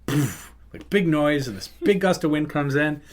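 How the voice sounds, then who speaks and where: A man's voice: a little high, animated, moderate pace. Rambling middle-aged male podcast host. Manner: rambling, self-interrupting anecdotes. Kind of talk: casual storytelling.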